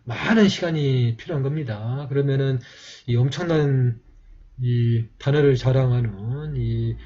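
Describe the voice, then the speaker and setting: A man teaching a lesson on old scripts, explaining slowly and haltingly with many fillers. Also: mid-range voice, warm tone. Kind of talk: lecture on a video channel. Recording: dull, muffled lo-fi audio.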